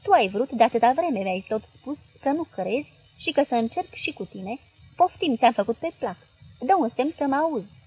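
A woman reading the part of an intense male hypnotist who coaxes and commands a girl in a trance, in a husky voice. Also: a little high, animated, darkish tone, soft background music, low-quality recording. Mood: urging. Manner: insistent, urging.

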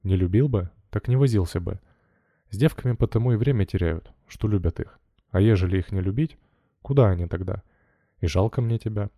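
A man reading as a cocky young mill worker, low and dark. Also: brisk, no room sound. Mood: coaxing. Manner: cocky, teasing folk speech. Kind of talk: audiobook character reading.

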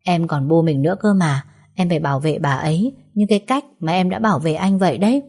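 A woman voicing a gentle young boy who reassures a crying girl. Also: lowish voice, fast talker. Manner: soft, reassuring.

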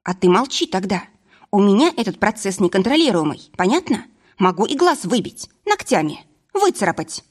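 A woman reading an audiobook, voicing a panicky, excitable young woman who cries out in shrill, frantic bursts. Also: moderate pace, slightly rough. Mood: sharp.

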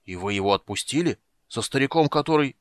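A man's voice: medium pitch, expressive, fast, dry recording, studio quality, voice pushed up, close to an everyday voice. A man reading the part of a grumpy old dwarf who blusters with indignation. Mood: complaining.

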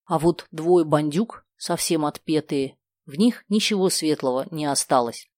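A woman voicing a gentle, earnest schoolgirl. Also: low-pitched, measured pace, dry recording. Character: gentle thoughtful schoolgirl with a gift.

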